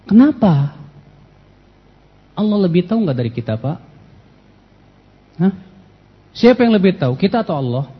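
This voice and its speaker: A man's voice: high-pitched, very animated, moderate pace, long pauses, slightly rough. A man preaching a casual Islamic sermon, who talks straight to the men listening and acts out prayers and small dialogues. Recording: muffled sound with long hall reverb.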